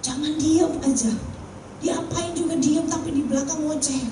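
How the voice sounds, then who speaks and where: A woman's voice: sits high, big pitch swings, normal speed, roomy sound, distant mic, background noise, voice pushed up. A woman putting on a whiny, upset schoolteacher. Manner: whiny, exasperated complaining. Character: upset middle-aged woman teacher, complaining, tearful.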